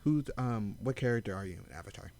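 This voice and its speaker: A man's voice: on the low side, lively intonation, fast, a little mellow, no echo. A man hosting a podcast in a studio, chatting casually and teasing his guest with frequent laughs. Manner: teasing, laughs often, playful banter. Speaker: podcast host. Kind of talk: casual chat.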